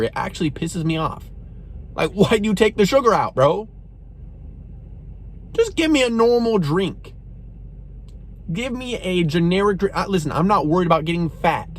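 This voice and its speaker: Young male reviewer, slightly high voice, casual exasperated rant, faint background noise. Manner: animated, exasperated, says "bro" a lot. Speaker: drink reviewer.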